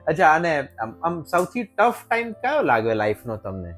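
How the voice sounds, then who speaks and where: Lively, encouraging male podcast host. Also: a little high, moderate pace, faint music behind. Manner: encouraging, affirming interviewer. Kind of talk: casual podcast interview.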